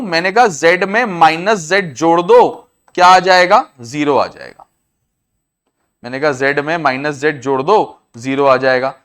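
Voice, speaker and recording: A man with an Indian accent teaching a maths class, explaining each step slowly and repeating himself. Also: sits high, a bit bright, clear, resonant tone. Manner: repetitive, explains step by step, often says "I said". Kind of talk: classroom lecture to students.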